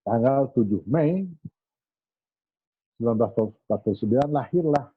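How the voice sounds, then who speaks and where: A man telling history in a relaxed, anecdotal way, acting out remarks he quotes. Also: medium pitch, normal speed, slightly rough, no echo. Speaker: speaker on history. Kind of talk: storytelling history talk. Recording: tinny phone-like recording.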